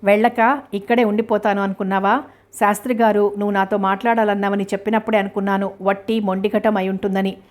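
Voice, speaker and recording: A woman reading the part of an arrogant young male engineer who lectures in a boastful, bossy way, with a flat, even delivery. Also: mid-range voice, quick pace, natural voice. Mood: lecturing.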